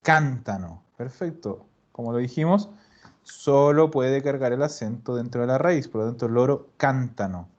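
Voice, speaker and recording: A man's voice: mid-range voice, moderate pace, darkish tone, highs cut off. A man teaching an online language class, explaining patiently and often checking that students follow. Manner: patient, repeats and checks understanding with "¿ya?". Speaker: Italian teacher.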